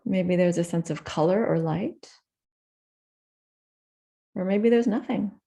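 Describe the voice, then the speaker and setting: A woman with a lowish, gravelly voice leads a guided meditation. She speaks gently and without hurry, pausing softly between phrases.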